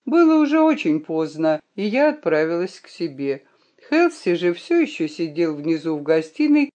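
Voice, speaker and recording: A reader narrating an audiobook in a measured, storytelling manner. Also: medium pitch, darkish tone, highs cut off.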